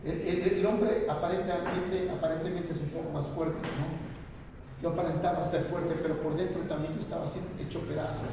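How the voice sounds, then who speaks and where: Older church elder giving a testimony, rather high voice, far from the mic in a reverberant hall with faint noise. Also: male voice, little pitch movement, a little fast. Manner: emotional, swings from low and hushed to loud. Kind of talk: preached testimony.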